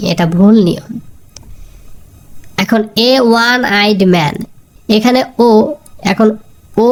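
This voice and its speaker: A woman teaching a grammar lesson, who repeats the key sounds and keeps asking her students questions. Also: medium pitch.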